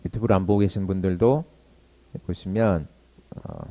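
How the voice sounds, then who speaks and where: A low-voiced man teaches English to Korean learners in an online lesson, captured with dull audio. He drills phrases briskly and slows down for model sentences.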